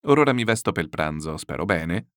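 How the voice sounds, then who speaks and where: A man's voice: low voice, expressive, fairly quick, no echo, studio quality. A man doing a hearty, laughing old general. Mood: jovial, laughing. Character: jovial, boisterous old general, laughing loudly.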